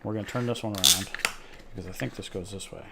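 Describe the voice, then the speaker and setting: A man live-streams himself working on a homemade project, chatting and joking with viewers in a rambling way. His lowish voice is fast, fairly even and creaky with vocal fry, and the recording is very noisy.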